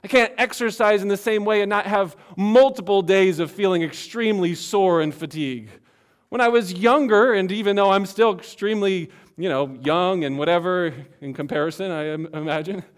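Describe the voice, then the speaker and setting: A man preaching a sermon as pastor, earnest and emphatic, swinging between loud passages and hushed ones. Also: sits high, normal speed, smooth.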